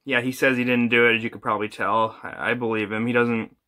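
Man acting halting, bright-voiced young ghost investigator, echoey. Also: mid-range voice, little pitch movement, lightly acted. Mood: uneasy, matter-of-fact. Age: young adult. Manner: halting, hesitant, casual. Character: uneasy young man investigating paranormal disturbances. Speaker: narrator of a found footage horror film. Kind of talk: improvised found footage monologue. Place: indoors, bedroom and kitchen. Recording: echoey room, amateur camera audio.

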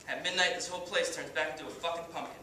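A young man playing a cocky, foul-mouthed baseball star, giving a swaggering halftime pep speech with deliberate pauses. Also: a little high, fairly even intonation, bright, forceful tone. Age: young adult. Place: indoor hall, stage area, far camera. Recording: distant, very echoey room, faint noise.

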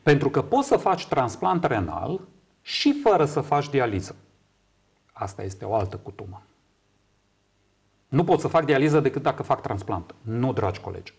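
A man's voice: medium pitch, sing-song, creaky, long pauses, darkish tone, husky. A man in his fifties from Romania, explaining things emphatically as a guest in a studio interview. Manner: emphatic, repeats words for agreement. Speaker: interview guest, kidney patient advocate. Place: small TV studio, indoors. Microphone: lapel mic.

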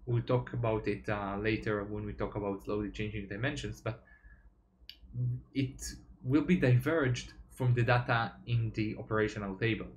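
A young man, a software developer, giving a tech talk over slides, explaining step by step with frequent fillers. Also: on the low side, steady tone, moderate pace, a little hiss or hum.

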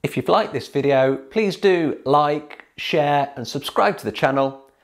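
A man in his forties, talking straight to camera and pitching his hot tub building plans with upbeat energy. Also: unhurried. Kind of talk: direct-to-camera promo talk.

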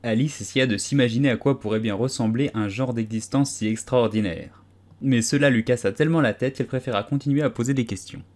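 A man narrating a storybook audiobook in an expressive, lively reading style. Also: medium pitch, a little fast.

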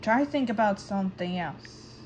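A woman voicing a small, gentle young cartoon character who talks in a soothing, tender bedtime manner. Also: medium pitch, lively intonation, unhurried, a little hiss or hum, lightly acted. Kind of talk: animated children's show voice acting.

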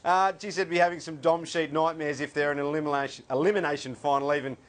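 A man with an Australian accent hosting a football show, brisk and lightly joking. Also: on the high side, steady tone. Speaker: sports show host. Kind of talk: casual sports chat.

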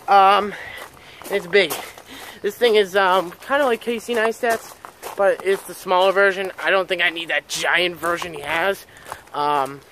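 A young man with a high-pitched voice talks casually to his vlog audience. He speaks informally, in stops and starts, picked up by a handheld camera outdoors with light noise around him. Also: a little slow, pushed and bright. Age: 20s. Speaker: vlogger. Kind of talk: casual vlog chat to viewers. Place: mostly outdoors in a yard and driveway. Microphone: camera on selfie stick at arm's length.

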